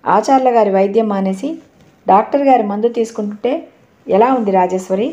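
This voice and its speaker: A stern middle-aged uncle who barks his questions before he listens, read by a woman. He is brusque and chiding. The voice is mellow and soft-edged, and the recording is dull and lo-fi. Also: mid-range voice, brisk, close to an everyday voice. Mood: scolding. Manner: gruff, chiding.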